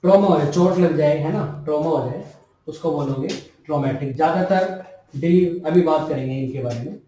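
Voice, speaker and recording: Heard from a distant mic in an echoey room, a male nursing tutor lectures his students at a normal speed. His mellow voice sits on the high side, and he repeats key terms while asking and answering his own questions.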